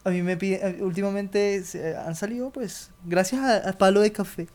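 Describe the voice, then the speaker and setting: A man's voice: sits high, fairly even intonation, moderate pace, a little mellow. A man with a Colombian Caribbean coast accent, a comedian co-hosting a casual chat, slangy and full of swearing. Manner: slangy, swears freely, acts out quoted voices. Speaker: comedian, podcast co-host.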